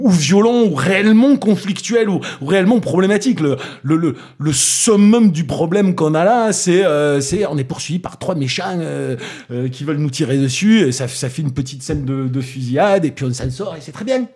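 Husky man with a Toulouse accent. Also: fairly high pitch. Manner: hesitant, many fillers and restarts, animated critique. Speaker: film critic on a panel. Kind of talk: casual film review chat.

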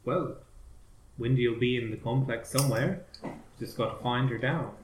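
A man narrates a tabletop game as its game master, stopping and restarting with fillers. His voice sits in a middling register. The room is echoey, with a faint hiss under it. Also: medium pitch. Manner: halting, filler-heavy narration.

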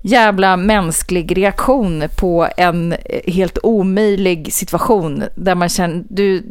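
A woman co-hosting a relaxed chat show, thinking aloud with frequent hesitations and fillers. Her voice is smooth and clear at a middle pitch, recorded dry and close. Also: no echo. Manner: thoughtful, hesitant, many fillers. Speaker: podcast co-host. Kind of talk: casual podcast chat.

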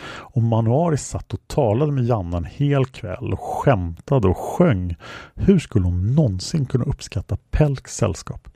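A man reading a fantasy story aloud as a calm audiobook narrator. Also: mid-range voice, gravelly, husky, no echo, clean studio sound. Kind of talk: scripted narration.

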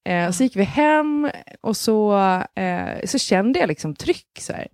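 A woman's voice: mid-range voice, lively intonation, a little mellow, no room sound, studio quality. A woman in her thirties, co-hosting a podcast, telling a story in casual chat with lots of laughter and casual swearing, acting out other people's lines. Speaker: podcast co-host.

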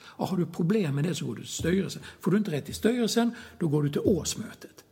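A man's voice: high-pitched, animated, creaky, dark tone. A man talking as a youth football coach, blunt and emphatic, who swears freely and keeps tagging rhetorical questions onto his points. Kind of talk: conversational explanation.

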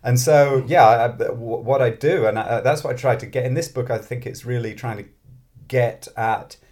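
Speaking at a normal speed in a mid-range, darkish voice, a man with a British accent appears as an interview guest. He is a mathematics professor and author who grew up in Scotland, musing casually and poking fun at himself.

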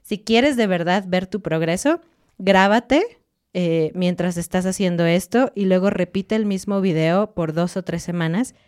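Clear-voiced woman explaining. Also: on the low side, a little slow, a little mellow. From Mexico. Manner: clear, explanatory, lightly joking. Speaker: podcast co-host and Spanish teacher. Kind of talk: casual educational podcast chat.

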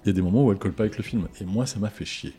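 A man's voice: fairly low pitch, warm tone. A man who makes films, talking casually about cinema in an eager, slangy way. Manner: fast, enthusiastic, slangy. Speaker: podcast guest, filmmaker.

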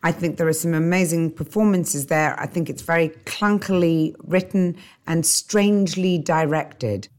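A woman co-hosting a TV podcast, brisk and emphatic in her views. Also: low voice, darkish tone. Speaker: podcast co-host. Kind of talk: casual review chat.

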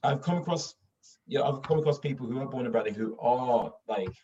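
A young man, chatting as a podcast guest, animated and laughing easily as he tells stories. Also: mid-range voice, moderate pace. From Sweden. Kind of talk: casual conversation. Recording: distant, dull mic with faint hiss.

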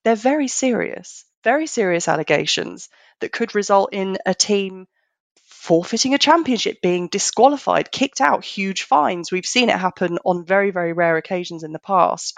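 A woman with a gravelly voice, hoarse from being unwell, hosting a podcast discussion. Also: mid-range voice, expressive, moderate pace, dry recording. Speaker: podcast host.

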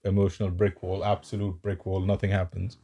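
A man's voice: low-pitched, completely flat delivery, a little fast, mellow. A man co-hosting a casual podcast chat, telling a long anecdote full of "uh" fillers and small laughs. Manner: rambling storyteller with many "uh" fillers. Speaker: podcast co-host.

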